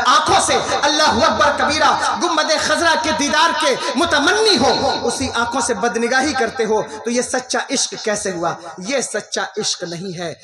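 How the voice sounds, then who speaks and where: A man's voice: sits high, echoey room. A man preaching a religious sermon with passion, firing rhetorical questions at his listeners and breaking into exclamations. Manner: impassioned, rhetorical questions to the crowd, frequent exclamations.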